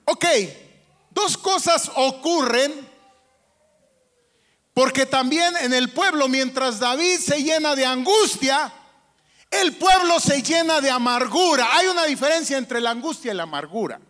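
High-voiced preaching man, echoing hall. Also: animated, unhurried, a bit bright. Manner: emphatic preaching with rhetorical questions. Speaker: pastor. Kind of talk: sermon. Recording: long hall reverb.

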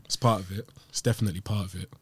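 A man's voice: lowish voice, fairly even intonation, very fast, slightly rough. A man in his late twenties with a London accent and roadman slang delivery, chatting casually as an interviewed video editor. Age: late 20s.

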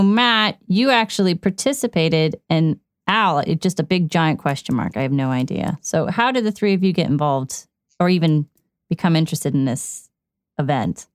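A woman hosting an interview podcast, asking questions in a lively, upbeat way. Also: medium pitch, no room sound, studio quality. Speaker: podcast host. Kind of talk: casual interview.

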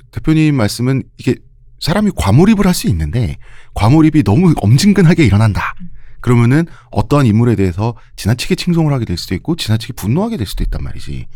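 A man's voice: mid-range voice, warm tone, no room sound. A man with slushy, lisping s sounds, telling history conversationally as a podcast host and explaining things with everyday examples.

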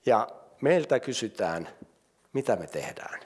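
An older man preaches with a lively voice that climbs high on his rhetorical questions and drops low and soft when he reads scripture. His pitch sits in the middle for a man. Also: breathy edge. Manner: animated, rising emphatic rhetorical questions. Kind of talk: sermon.

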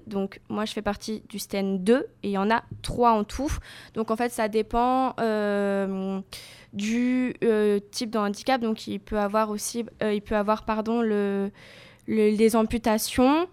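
A woman's voice: medium pitch, darkish tone, clean tone. A young woman, an athlete guest, answering interview questions casually and searching for her words. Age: young adult. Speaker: para-surfing champion guest.

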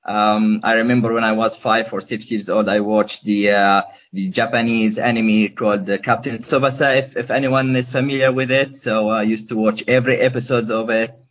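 This podcast guest, a young man from Gaza, Palestine, has a fairly low, fairly bright voice with fairly even intonation and a moderate pace with few pauses. Still, his casual interview answers are hesitant, full of ums and restarts, heard through dull lo-fi audio.

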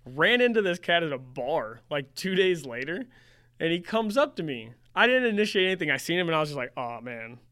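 A young man talking casually on a podcast, rambling through a story and leaning on "like" constantly. His voice sits a bit high and sounds smooth and clear. The recording is close and dry with no room sound. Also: very animated, a little fast, bright, forceful tone, no room sound. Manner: rambling, heavy use of "like". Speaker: podcast host.

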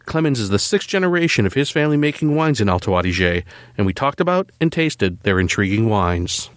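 A man hosting a wine podcast, reading a scripted intro and asking interview questions in a measured, clear way. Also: on the low side, sing-song, dry recording, clean studio sound. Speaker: podcast host.

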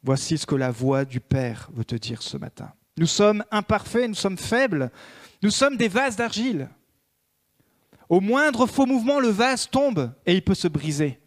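A man's voice: high voice, very animated, measured pace. Emphatic French-speaking male pastor preaching. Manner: preaching with rising emphatic peaks and hushed prayerful drops. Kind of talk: sermon.

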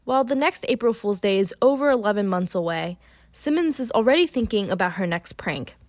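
A young woman hosting and narrating a student news podcast in an even, measured way. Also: medium pitch, no echo. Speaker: podcast host and reporter. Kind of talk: scripted narration.

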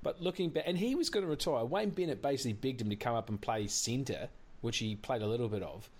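A man's voice: mid-range voice, animated, quick pace. A man giving blunt, sweary opinions as a casual sports co-host. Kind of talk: casual rugby league commentary.

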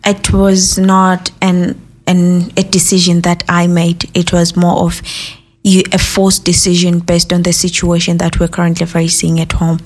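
A woman in her twenties from Zimbabwe speaks as a studio guest. Her voice sits low for a woman and stays flat and even in pitch. She answers candidly, pausing now and then with small hesitations. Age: 20s. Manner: candid, personal storytelling with hesitations. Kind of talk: interview answers. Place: radio studio.

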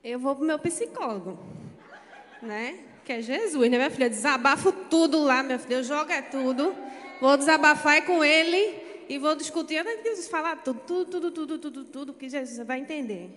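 High-pitched church lady cracking jokes, echoey hall. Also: a little fast, fairly bright tone. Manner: humorous, emphatic, repeats words. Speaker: church member answering. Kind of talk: spontaneous advice.

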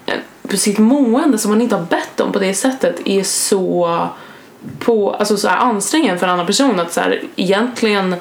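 A young woman in casual podcast chat, emphatic and earnest, swearing for emphasis. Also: medium pitch. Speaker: podcast host. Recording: echoey room with faint noise.

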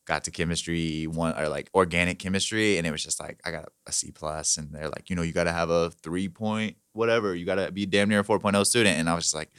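Deep-voiced guy, late twenties, talks quick and loose, bright crisp sound, dry close mic. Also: no room sound. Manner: laid-back slangy talk full of "like" and "bro". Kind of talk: casual chat.

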